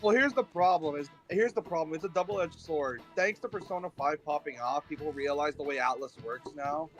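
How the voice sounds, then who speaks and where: A man's voice: a little high, fairly quick, a bit bright, soft background music. A man chatting casually about games, explaining his points with repeated lead-ins. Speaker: co-host playing a game. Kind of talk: casual gaming chat.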